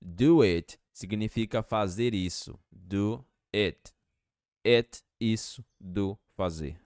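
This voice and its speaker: A man teaching English to Portuguese speakers, slowly repeating each phrase with patience. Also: lowish voice, darkish tone, no room sound, clean studio sound.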